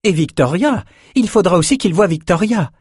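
A man's voice: high-pitched, animated, moderate pace, darkish tone, breathy edge, dry recording, clean studio sound, pitched above the performer's own voice. A male reader voicing a sturdy, blunt middle-aged village matron who speaks emphatically. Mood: insistent.

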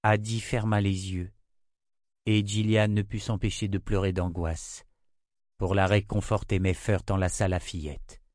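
A man narrating an audiobook in a steady, measured reading. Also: lowish voice, no room sound, clean studio sound. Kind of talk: scripted narration.

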